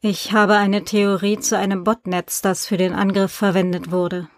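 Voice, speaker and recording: A woman's voice: medium pitch, flat delivery, normal speed, no echo, studio quality, lightly acted. A woman reading a polite male journalist. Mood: explaining. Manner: polite, businesslike questioning.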